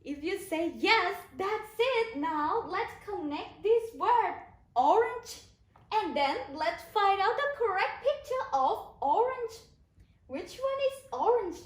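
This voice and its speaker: A woman with a Thai accent teaching an online kindergarten English lesson, hoarse from losing her voice, prompting the children in a slow sing-song with repeated questions. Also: extremely high pitch, lively intonation. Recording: echoey room.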